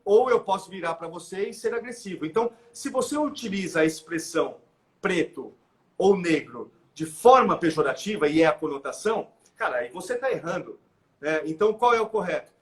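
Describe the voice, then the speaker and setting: Man, Brazilian Portuguese accent, middle-aged, interview guest, animated, restarts a lot, raised pitch. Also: a little fast. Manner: animated, with frequent "né?" tags and restarts. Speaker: guest expert. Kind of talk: conversational explanation in a live interview.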